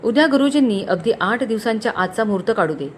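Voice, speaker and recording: A woman's voice: fairly high pitch, expressive, fast talker, slight background noise, natural voice. A woman voicing a playful, romantic young man teasing his fiancée on the phone. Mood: tender. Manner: teasing, eager.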